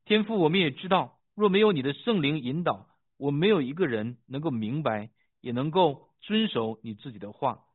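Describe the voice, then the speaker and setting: A man pastor reading scripture, praying and preaching with fervent emphasis, pausing with fillers as he talks. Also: on the high side, animated. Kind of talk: sermon with scripture reading and prayer. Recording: tinny phone-like sound.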